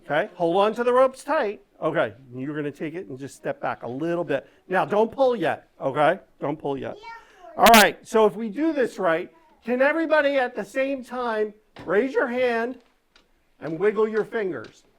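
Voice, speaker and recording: Animated and medium-pitched, a woman talks at a moderate pace during a live magic show for children. The stage magician explains each step and keeps the kids involved by checking in with them often.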